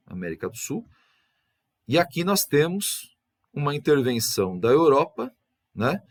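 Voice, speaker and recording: A man teaching an exam review lesson, explaining step by step and ending nearly every phrase with a tag question. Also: medium pitch.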